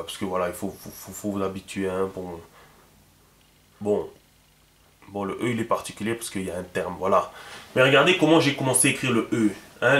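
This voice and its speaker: A man's voice: lowish voice, a bit bright, echoey room. A man giving a casual video lesson on writing symbols, chatty and full of fillers, often repeating himself as he explains. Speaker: teacher.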